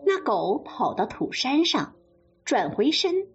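A woman storyteller narrating a classic novel in an expressive way. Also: high-pitched. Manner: slow, lively, expressive narration. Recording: dull lo-fi sound with faint music.

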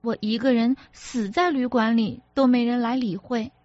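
A woman's voice: fairly high pitch, fairly even intonation, normal speed, dry recording, lo-fi sound, lightly acted. A woman reader voicing a petulant, jealous young wife who talks in a reproachful, sulky way, as an audiobook character. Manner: reproachful, sulky, sharp-tongued.

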